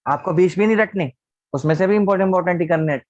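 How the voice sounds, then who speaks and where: A man's voice: high-pitched, racing, dry recording. A man teaching an online class, patiently asking the class questions and answering them himself. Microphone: video call. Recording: dull lo-fi online class audio.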